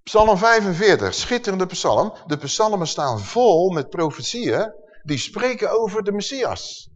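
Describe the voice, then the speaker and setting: Man preaching, emphatic, lively up-and-down pitch, long hall echo, dull sound. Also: measured pace. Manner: emphatic, rhetorical questions to the audience. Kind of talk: sermon.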